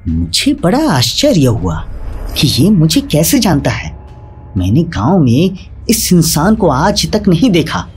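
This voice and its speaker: Animated male horror storyteller. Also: a little high, unhurried, a little hiss or hum. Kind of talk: scripted horror narration. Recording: faint background music.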